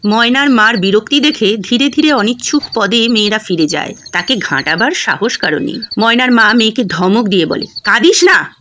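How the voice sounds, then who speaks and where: A woman narrating an audiobook story in a measured, expressive way. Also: on the high side, background noise.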